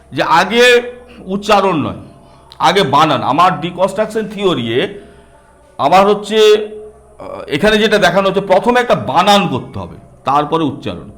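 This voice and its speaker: High-voiced man teaching young children. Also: fairly bright tone. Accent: Bengali. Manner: patient, talks directly to small children. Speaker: teacher and book author. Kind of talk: explaining a children's counting book.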